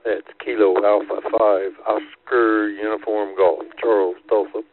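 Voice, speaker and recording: A man's voice: fairly low pitch, flat delivery, measured pace. A man checking in casually over amateur two-way radio as a caller. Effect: two-way radio transmission. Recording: tinny, narrow radio transmission.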